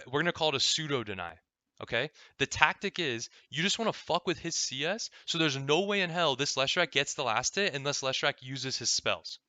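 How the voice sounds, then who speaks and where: Bright-voiced man coaching a gamer. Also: medium pitch, no echo. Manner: explains step by step, keeps checking in with "right?", swears freely. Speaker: game coach. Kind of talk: casual coaching over a gameplay replay.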